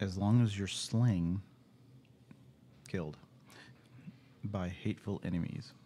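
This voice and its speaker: A man narrating as game master in casual tabletop chat, relaxed and laughing easily. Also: low voice, takes it slowly, a little hiss or hum.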